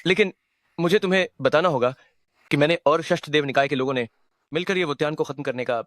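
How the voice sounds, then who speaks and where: A man dubbing a sly henchman who lays out a plot in a smooth, conspiratorial way. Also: fairly high pitch, fast, fairly bright tone, no room sound, studio quality, close to an everyday voice. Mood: scheming. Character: scheming henchman, sly and placating.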